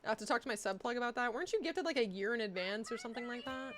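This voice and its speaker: A woman's voice: fairly high pitch, rapid-fire. Girl streamer gaming n chatting, cutesy bubbly and sweary, voice swings all over, noisy game sound behind her. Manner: excitable, bubbly, cutesy greetings; playfully foul-mouthed. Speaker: live streamer. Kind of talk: casual game streaming chat with viewers.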